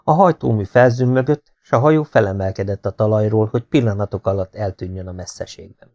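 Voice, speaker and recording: Male audiobook reader, lowish gravelly voice, calm steady narration. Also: muffled recording.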